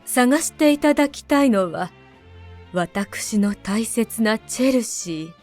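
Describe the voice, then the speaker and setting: Stately queen, played by a woman, fairly high voice, gracious, composed, visual novel game, faint music. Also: lively intonation, normal speed, a little mellow, close to an everyday voice. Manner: polite, stately. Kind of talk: Japanese visual novel acting.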